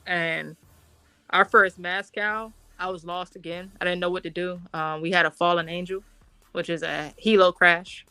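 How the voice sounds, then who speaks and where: A woman's voice: fairly low pitch, steady tone, moderate pace, bright, forceful tone, smooth, no echo, soft background music. A woman, a military officer being interviewed, telling war stories in an informal, slangy way and acting out the dialogue. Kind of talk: animated personal war story told conversationally.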